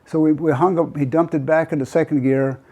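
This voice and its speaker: Rambling older American grandpa telling stories. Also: male voice, fairly high pitch, fairly even intonation, fairly quick, warm tone. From Southern California. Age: older, 80s. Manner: rambling grandpa story, hesitant with detailed asides. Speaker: grandfather telling his life story. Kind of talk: casual personal storytelling.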